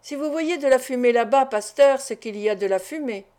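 A woman's voice: sits high, fairly quick, darkish tone, close to an everyday voice. A woman voicing a pushy traveling peddler in an audiobook, pressing his point like a salesman. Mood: insistent. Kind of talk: audiobook character reading.

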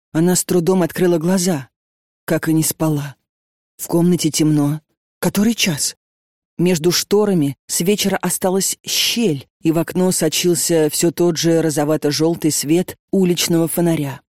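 A woman narrating an audiobook in a calm, measured reading voice. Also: low voice, no echo, studio quality. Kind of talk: scripted narration.

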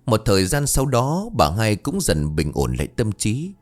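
A man's voice: lowish voice, wildly swooping pitch, normal speed. A man narrating a ghost story in a dramatic, emotional storytelling manner. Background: faint background music.

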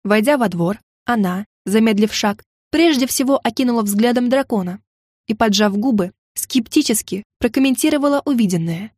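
A woman narrating a first-person fantasy audiobook in a steady storytelling delivery. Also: a little high, moderate pace, dry recording, studio quality.

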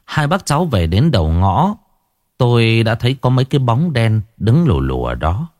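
A man's voice: medium pitch, huge pitch swings, normal speed, a little mellow, no echo, studio quality. A man narrating a ghost story in the first person, dramatic and vivid.

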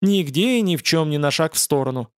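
A man reading an audiobook, voicing a flippant young female demon who talks quick and pleading. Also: a little high, lively intonation, clear, resonant tone, dry recording, studio quality, lightly acted. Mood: eager.

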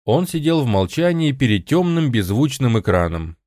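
A man reading an audiobook in a measured, even narration. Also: medium pitch, no echo, clean studio sound. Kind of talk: scripted narration.

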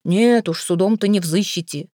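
A woman voicing a towering mustached man who speaks bluntly and gruffly. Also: mid-range voice, moderate pace, warm tone, dry recording, studio quality, close to an everyday voice.

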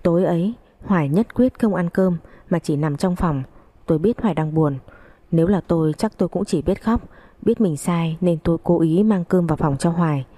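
A woman tells a first-person domestic story aloud. Her voice is lowish and mellow, and her delivery is steady and remorseful. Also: normal speed. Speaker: narrator.

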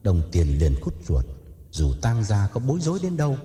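A man narrating an audio story in a dramatic, expressive way. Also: fairly low pitch, moderate pace. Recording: echoey reverb with faint music.

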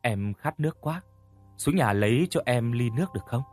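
A frightened young woman , as a male narrator voices her, speaks in a soft, hushed voice. Her pitch still rises and falls with feeling. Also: animated, moderate pace, no room sound, soft background music, lightly acted. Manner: soft and quiet.

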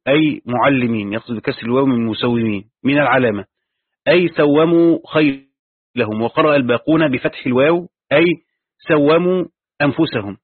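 Here a man with a fairly high, slightly rough voice teaches Quran commentary. He reads a tafsir text aloud, then explains it in his own words. The dry recording has a tinny, phone-like lo-fi sound.

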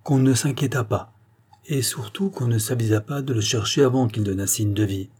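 A man reading a novel aloud as narrator in a measured, even manner. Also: medium pitch, slightly rough. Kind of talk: audiobook narration.

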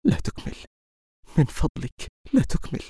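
A man's voice: fairly high pitch, animated, a little fast, a little mellow, dry recording, clean studio sound, pitched above the performer's own voice, lightly acted. A man reading an audiobook, voicing a guarded, teasing young woman with a mocking manner. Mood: pleading. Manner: sarcastic, mocking.

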